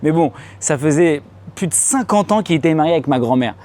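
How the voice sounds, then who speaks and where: This young comedian from France speaks expressively and fairly quickly through a stand-up story at a comedy club, before a live audience. Using casual street slang, he talks to the crowd directly, and his slightly high voice leaps into loud, high-pitched impressions as he acts out scenes.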